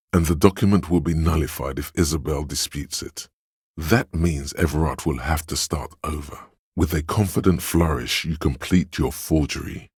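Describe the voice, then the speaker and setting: A male game narrator and inner-voice actor delivers scripted second-person narration for a role-playing video game as a detective's wry, erudite inner voice. His voice is very deep, husky, a little mellow and deliberately exaggerated, recorded at studio quality with no echo.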